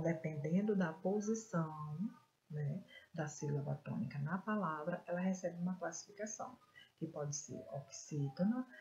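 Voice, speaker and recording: Woman, Brazilian Portuguese accent, teacher, video lesson, emphatic syllable stress, low mellow voice, dull lo-fi sound. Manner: patient, slow and emphatic, stresses syllables aloud. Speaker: primary school teacher.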